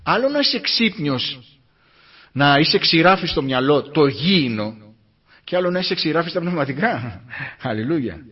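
Fervent preacher man, husky voice. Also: animated, pauses often. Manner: fervent, exclaims hallelujah between points; rises from low murmurs to loud emphatic climaxes. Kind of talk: sermon. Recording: muffled lo-fi recording.

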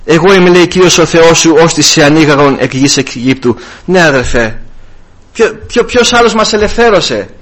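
A man's voice: lively intonation, a bit bright. A man preaching an evangelical sermon, calling out to his brothers and swinging his voice up and down for emphasis. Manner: repeatedly addresses "brothers", rises and drops in pitch for emphasis.

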